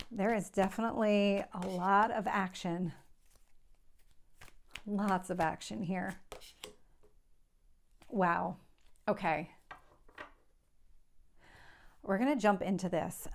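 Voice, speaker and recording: A medium-pitched female voice, with a little hiss or hum in the audio, leads a conversational tarot reading for her channel's viewers. She has a slight lisp, and she explains reassuringly, repeating points often.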